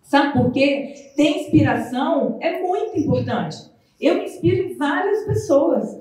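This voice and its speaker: A Brazilian woman from Minas Gerais with a Mineiro accent, giving an animated, chatty motivational talk as a nutritionist, with playful asides. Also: sits high, unhurried. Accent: Mineiro Brazilian Portuguese. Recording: very echoey room, voice far from the mic.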